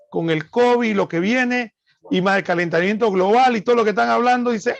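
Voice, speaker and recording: High gravelly man, dull sound. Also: no room sound. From Panama. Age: 50s. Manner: conversational, hesitant with many "eh" fillers. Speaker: co-host. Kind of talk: casual chat.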